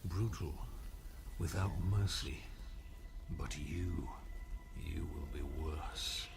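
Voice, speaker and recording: A menacing video game narrator, extremely low in pitch. The voice is a slow, creaky growl, solemn and portentous, with gravel in each phrase. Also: male voice, exaggerated voice. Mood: grim, menacing. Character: ominous, menacing narrator urging a brutal warrior onward.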